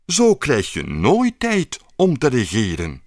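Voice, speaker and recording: A man's voice: huge pitch swings, slow, no room sound, studio quality, full character voice. Strenge koningin met hoge, felle stem, gespeeld door een man, voor een kinderverhaal. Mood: stern. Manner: strict and exasperated, rising high. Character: stern, bossy queen.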